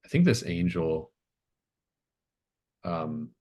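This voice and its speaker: A game master with an extremely low voice narrates a tabletop roleplaying scene, improvising thoughtful descriptions in halting phrases as he builds each image. His delivery is sing-song and his tone dark.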